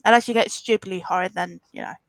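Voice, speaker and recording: Quick and a bit creaky, her medium-pitched voice comes through a rough recording with no room sound. She's a twentysomething English YouTuber with an Essex accent and a sniffly cold, rambling through comments in a live Q&A. She's frank throughout and defiant with trolls.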